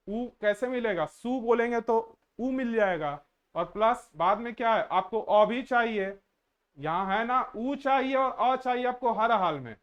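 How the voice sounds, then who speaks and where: A man teaching an exam-prep grammar lesson, slowly drawing out sounds and asking the viewer questions as he goes. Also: high-pitched, clear, resonant tone.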